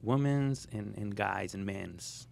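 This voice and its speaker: A man's voice: fairly low pitch, takes it slowly, gravelly, a little mellow, a little hiss or hum. A man hosting a podcast interview, welcoming with energy and asking questions with frequent restarts. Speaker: podcast host. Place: podcast studio.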